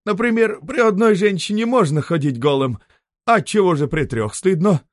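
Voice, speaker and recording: A fat panicky merchant. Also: male voice, animated, normal speed, no echo, clean studio sound. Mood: excited. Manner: shrill wailing yells. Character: fat shrieking panicky male merchant in a bathhouse.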